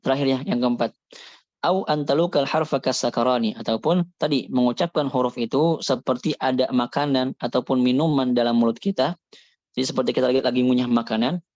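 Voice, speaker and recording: A man giving a religious lesson on Quran recitation, calmly explaining and slowly demonstrating Arabic sounds. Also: medium pitch, dry recording, lo-fi sound.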